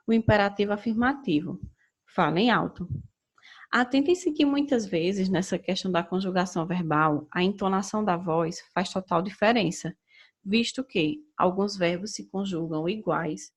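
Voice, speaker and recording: Her voice is medium in pitch with a breathy edge. She's a young adult woman with a Brazilian Portuguese accent, a teacher delivering a recorded grammar lesson in a measured, explaining manner while repeatedly checking in with her students.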